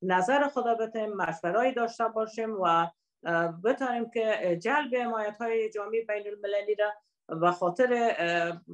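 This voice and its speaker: Fast-talking woman speaker. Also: mid-range voice. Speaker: panel speaker. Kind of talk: online panel remarks.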